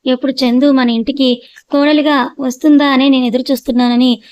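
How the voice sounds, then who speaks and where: A woman's voice: high voice, level tone, fairly quick, darkish tone, smooth, no echo, clean studio sound, lightly acted. A woman voicing a playful, wry middle-aged mother in an audio story.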